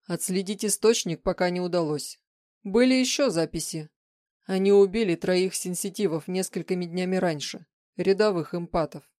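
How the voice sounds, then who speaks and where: Woman reading a calm, businesslike boss. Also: lowish voice, moderate pace, dry recording, clean studio sound, close to an everyday voice. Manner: matter-of-fact, even delivery. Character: businesslike middle-aged man, calm boss.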